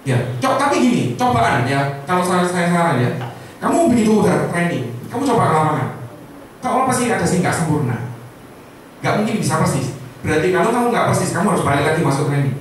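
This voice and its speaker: High-voiced man giving an echoey pep talk. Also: very animated, quick pace, slight background noise. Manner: addresses the audience directly with rhetorical questions. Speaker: insurance sales team leader. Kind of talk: motivational sales training talk. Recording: echoey room, voice far from the mic.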